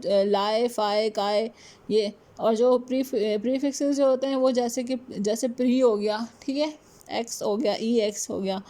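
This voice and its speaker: Woman teaching, mellow higher voice. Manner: mixes Hindi and English, reads English examples slowly; adds "ठीक है" after points. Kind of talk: lecture on punctuation.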